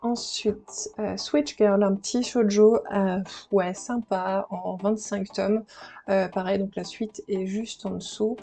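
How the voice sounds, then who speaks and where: A woman's voice: medium pitch, steady tone, dark tone. Chatty French woman touring her shelves. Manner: chatty, enthusiastic, filmed while handheld, with filler pauses. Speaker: manga collector vlogger. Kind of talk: casual shelf-tour vlog. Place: at home by bookshelves in the living room. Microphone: handheld camera. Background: background music.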